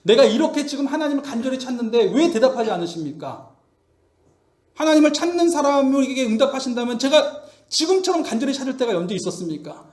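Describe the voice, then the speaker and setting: A man's voice: high-pitched, steady tone, rapid-fire, hardly any pauses, voice pushed down, lightly acted. A man voicing Job, an old sufferer protesting and crying out questions to God, within a retold sermon story. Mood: anguished protest. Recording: echoey room.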